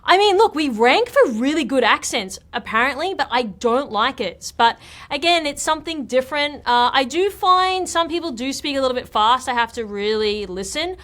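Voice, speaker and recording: A woman's voice: high voice, animated, moderate pace, fairly bright tone. A woman from Australia with an Australian accent, a podcast guest chatting casually in a direct, talkative way. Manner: chatty and direct, leans on "look" and "like". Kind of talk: casual interview chat.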